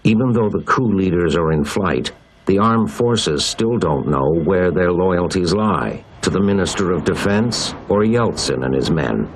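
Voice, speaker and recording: A man narrating a documentary in a measured, scripted delivery. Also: low-pitched, expressive, a little hiss or hum.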